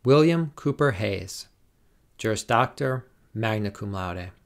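A man announces graduates' names one by one at a commencement. He speaks very slowly and deliberately, in a lowish voice, keeping a formal, measured rhythm. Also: expressive, gravelly. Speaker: commencement name reader.

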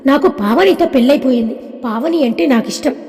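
A woman's voice: sits high, brisk, darkish tone, close to an everyday voice. A woman voicing a stern, protective husband and father who scolds firmly. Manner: scolding, firm. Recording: long reverb.

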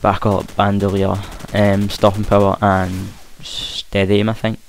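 A young man with a broad Scottish accent talks casually over a game. His voice is fairly low and very flat in pitch, and he hesitates as he tries to speak clearly. A faint hiss and game gunfire sit behind him. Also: normal speed. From Scotland. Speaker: gaming commentator. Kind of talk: casual gameplay commentary. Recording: hissy home mic with faint noise.

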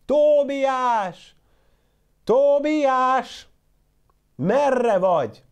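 A man voicing an excitable old shepherd who calls and exclaims loudly in a raised voice. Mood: calling. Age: older. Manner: loud, high-pitched calling and exclaiming.

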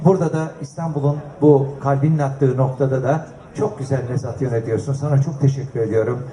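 An older man, a collector appearing as a guest speaker, chats casually from a festival stage in a mid-range, mellow voice with a steady tone and quick pace. He tells jokey anecdotes to the audience, and the live event sound is echoey.

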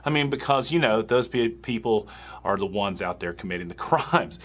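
A man's voice: lowish voice, expressive, normal speed, a bit bright, slight background noise. A man hosting his own channel, talking casually and rambling a little, with frequent fillers and chuckles. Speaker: gun channel host. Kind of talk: casual commentary to camera.

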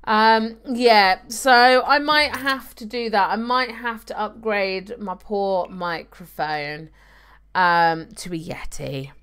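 A young woman casually streams a game from home, reading out viewer comments into a desk microphone. She speaks slowly in a medium-pitched voice that is a bit bright, clear and resonant.

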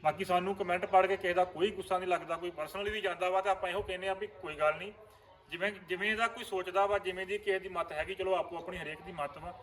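A man's voice: sits high, fairly even intonation, fast talker, fairly bright tone. A man, an actor in a vlog series, earnestly explaining roles to viewers. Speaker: vlogger and actor. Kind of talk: casual chat.

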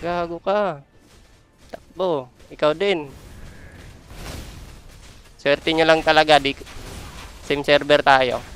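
A man's voice: fairly high pitch, steady tone, takes it slowly, long pauses, a bit bright, soft background music. A man with a Filipino accent doing live gameplay commentary, full of playful trash talk as he plays. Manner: playful trash talk, mixing Tagalog and English. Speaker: game streamer.

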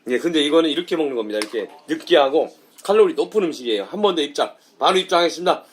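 Male home-cook vlogger, high voice, catchphrase-heavy and chatty, slight noise floor. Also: rapid-fire. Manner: loud excited outbursts when tasting. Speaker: cooking YouTuber. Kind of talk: casual cooking demo and drinking vlog.

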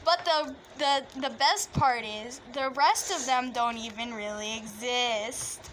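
A woman's voice: a little high, slow, a bit bright. A young woman chatting late at night for her video, giggly and rambling. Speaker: video maker. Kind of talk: casual late-night chat. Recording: noisy home recording.

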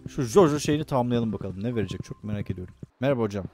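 A man's voice: mid-range voice, expressive, very fast, dark tone. Male streamer, casual let's-play chatter, reads game text aloud, faint game music underneath. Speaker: gameplay streamer.

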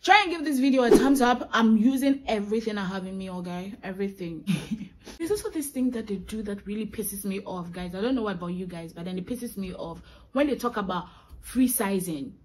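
A woman's voice: mid-range voice, lively intonation, a little fast, a little mellow, low-quality recording. A young woman venting in a vlog, emphatic and exasperated, repeating her points for effect. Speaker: vlogger. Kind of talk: ranting vlog monologue.

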